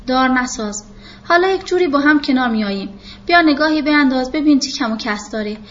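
A woman's voice: high voice, lively intonation, highs cut off. A woman voicing a stubborn old male carpenter who talks bluntly and plainly, in a storybook reading.

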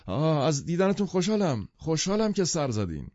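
A man voicing an eager, anxious male host who talks in a hurried, overly hospitable way. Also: fairly high pitch, sing-song, darkish tone, no echo, pitched above the performer's own voice. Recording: dull lo-fi audiobook recording.

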